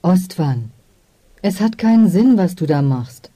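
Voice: mid-range voice, expressive, measured pace, dry recording. Ein Vorleser, der in einer Hörbuchlesung eine fürsorgliche, mütterliche Frau mit schlohweißem Haar sanft und bittend spricht. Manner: soft, pleading. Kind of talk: audiobook character voice.

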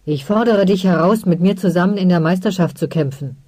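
A woman's voice: on the low side, a little fast, mellow, close to an everyday voice. A woman reading the part of a desperate, jealous young man in a story, pleading and defiant.

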